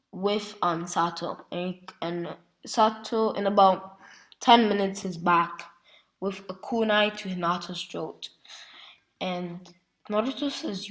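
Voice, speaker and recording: A woman casually retelling a fan-made story, rambling with lots of fillers and self-corrections. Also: medium pitch. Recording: roomy echo.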